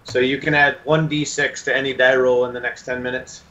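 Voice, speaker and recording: A man's voice: mid-range voice, little pitch movement, a bit bright, muffled recording. A man playing a tabletop game, talking in a playful, rambling way about his character's moves. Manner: playful, rambling, quick to laugh. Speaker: player. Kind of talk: casual game chat.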